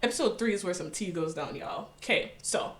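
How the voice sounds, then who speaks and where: A woman's voice: fairly low pitch, animated, a little fast, reverberant, slight background noise. A woman recapping a series in casual, sassy commentary, with chatty laughing asides. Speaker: recap host.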